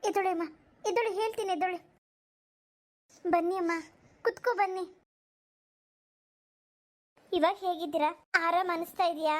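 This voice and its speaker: A woman voicing a poor, abandoned young mother in a cartoon, speaking softly and respectfully. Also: very high-pitched, steady tone, normal speed, long pauses. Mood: caring. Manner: soft, pleading and respectful. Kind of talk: cartoon voice acting.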